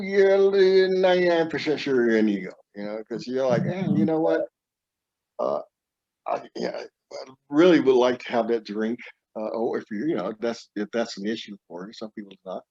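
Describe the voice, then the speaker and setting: A man's voice: medium pitch, darkish tone. A man talking casually as a spiritual teacher, rambling with many restarts and acting out little inner voices. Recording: dull lo-fi recording.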